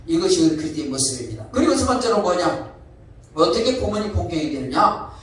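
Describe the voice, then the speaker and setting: A man's voice: high-pitched, sing-song, fast. A male pastor preaching a sermon, emphatic and often asking the congregation questions. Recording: echoey hall from far off.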